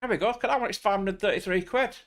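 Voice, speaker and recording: An English man in a slightly high register talks his way through a truck driving game. He keeps up loose, crude, joking banter with his co-player as he plays. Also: very fast. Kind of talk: casual gaming chat.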